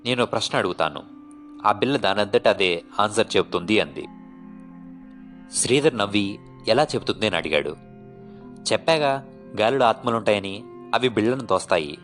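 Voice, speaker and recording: Deep-voiced man narrating a horror story. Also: moderate pace, long pauses, soft background music. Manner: calm storytelling, voicing characters with raised pitch. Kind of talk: scripted audiobook narration.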